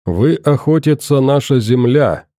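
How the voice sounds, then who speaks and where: A dark-voiced older chief speaks in short, halting, broken phrases, as a man reads him in an audiobook. The sound is dry and close, with no room around it. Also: mid-range voice, lively intonation, dry recording, close to an everyday voice. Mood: plain.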